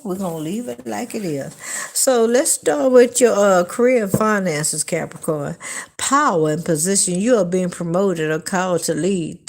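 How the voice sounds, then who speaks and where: A woman's voice: mid-range voice, creaky. A woman hosting a casual live tarot reading, chatty and emphatic, often checking in with "okay?". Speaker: tarot reader hosting a livestream.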